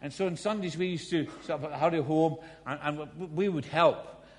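Scottish preacher, man in his fifties, self-mocking storyteller, a bit high-pitched, long hall reverb. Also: normal speed. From Scotland. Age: 50s. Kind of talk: sermon.

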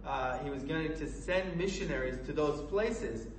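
A man's voice: a little high, recorded from a distance, slight background noise. Earnest man preaching in an echoey room. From Colorado, USA. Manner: earnest, halting with many fillers and restarts. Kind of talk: sermon. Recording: echoey room from away from the mic.

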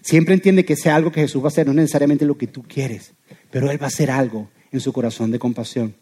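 A pastor preaches an animated sermon, explaining with everyday examples. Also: male voice, mid-range voice, fast talker, breathy edge.

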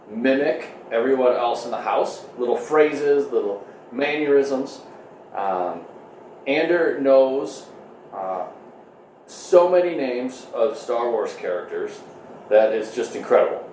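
A man in his thirties, a pastor giving a conversational sermon and prayer streamed online from home, pausing often with "uh". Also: medium pitch, a little mellow, distant mic, a little hiss or hum. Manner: conversational, full of "uh" fillers. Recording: echoey room.

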